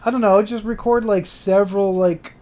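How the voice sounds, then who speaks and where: A man's voice: sits high, fairly even intonation, moderate pace, crowd noise. Man trading dry, teasing podcast banter. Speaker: podcast co-host. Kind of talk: casual movie podcast chat.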